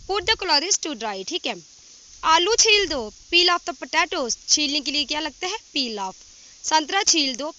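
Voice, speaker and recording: A woman teaching simple English sentences outdoors, reading each sentence and then saying it slowly in English. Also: high-pitched, sharp tone, lo-fi sound. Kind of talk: casual spoken English lesson. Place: outdoors in windy fields while grazing cattle. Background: wind and rural outdoor sounds.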